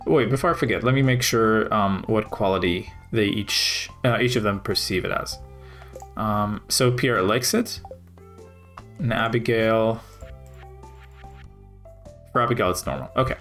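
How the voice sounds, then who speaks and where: A man's voice: on the low side, measured pace, long pauses, fairly bright tone, soft background music. A man casually commenting while playing a video game, rambling and thinking aloud with many fillers. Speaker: gaming video host.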